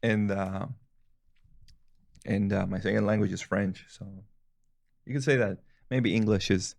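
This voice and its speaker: A man in his thirties, a family physician whose first language is Spanish, chats to camera and answers questions in a loose, rambling way, restarting sentences and chuckling. His voice is lowish and a little mellow with some vocal fry, his intonation fairly even and his pace unhurried. The recording is dry.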